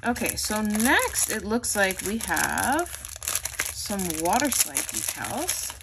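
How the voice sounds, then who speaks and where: A woman's voice: medium pitch, big pitch swings, slow, vocal fry, background noise. A young woman vlogger chatting casually through an unboxing haul, gushing over items, saying "like" a lot, with the hiccups. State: has the hiccups.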